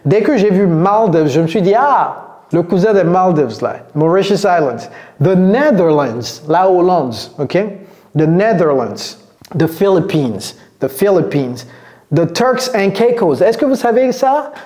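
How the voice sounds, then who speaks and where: A man teaching English in French as an online coach, playful and lively, switching between languages. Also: sits high, a little slow.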